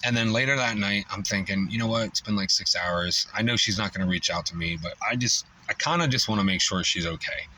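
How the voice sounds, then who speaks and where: A man's voice: lowish voice, a little fast, hardly any pauses, pushed and bright, distant mic, slight background noise, poor audio. A man coaching on relationships, telling a long personal story in a loose conversational way, full of "you know" and "like", acting out heated exchanges as he goes.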